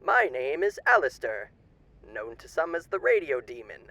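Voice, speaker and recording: Alastor, a bright, theatrical demon. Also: male voice, on the high side, very animated, normal speed, creaky, no echo, exaggerated voice. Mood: smug, courteous. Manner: theatrical, old-fashioned genteel showman's diction. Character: suave, theatrical male demon overlord with deer features. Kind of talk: ASMR character roleplay.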